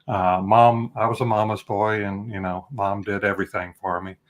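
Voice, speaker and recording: A man's voice: fairly low pitch, flat delivery, normal speed. A middle-aged man from Texas, a life coach guest speaking earnestly and reflectively in a casual interview. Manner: earnest, reflective, with many fillers.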